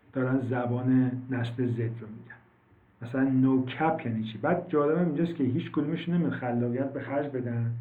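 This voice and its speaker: A man teaches an English class over a video call, speaking at an even middle pitch. He draws out his explanations, repeats words and fills his pauses with small sounds. The audio is thin and phone-like, with a roomy echo. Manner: explains slowly and drawn out, repeating words, with many fillers. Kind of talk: online class, explaining vocabulary.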